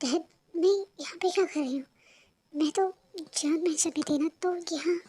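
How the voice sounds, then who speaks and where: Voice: high-pitched, moderate pace, close to an everyday voice. A reader voicing a headstrong young woman who pleads with her father, in an amateur voiced fan story. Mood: pleading. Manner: pleading then shouting.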